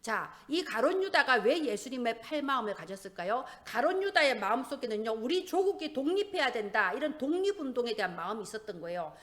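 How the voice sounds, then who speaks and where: Woman pastor, church sermon, high lively voice, rhetorical questions to the congregation. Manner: rhetorical questions, animated preaching.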